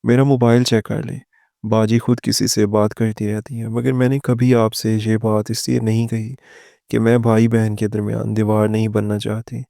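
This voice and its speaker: A man voicing a gentle young wife who pleads softly and tearfully, in a low, flat, gravelly voice. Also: dry recording, studio quality.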